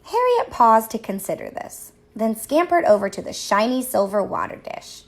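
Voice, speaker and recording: A woman reading a picture book aloud to children, with expressive, sing-song storytelling. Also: fairly high pitch, moderate pace. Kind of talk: read-aloud storybook narration.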